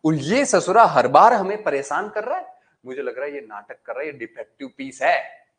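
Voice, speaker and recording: A man playing a gruff blustering engineer. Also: fairly high pitch, sing-song, moderate pace, fairly bright tone. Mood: angry. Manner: reassuring at first, then gruff and scolding. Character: blustering middle-aged male engineer in control room.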